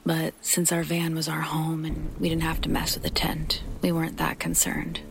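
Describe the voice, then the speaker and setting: With rain and music in the background, a woman reads a scripted horror story told in the first person. Her low-sitting voice is breathy and creaky, nearly a whisper, kept monotone at a normal pace.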